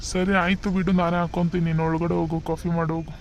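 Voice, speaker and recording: A man's voice: fairly high pitch, flat delivery, fast talker, lo-fi sound, slight background noise, natural voice. A man voicing an impatient young husband in a comedy cartoon, giving bossy commands.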